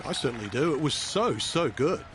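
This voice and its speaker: Actor as lively male golf commentator. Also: mid-range voice, normal speed, background noise, close to an everyday voice. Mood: admiring. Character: admiring, folksy male golf broadcast analyst. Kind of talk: golf commentary in a video game.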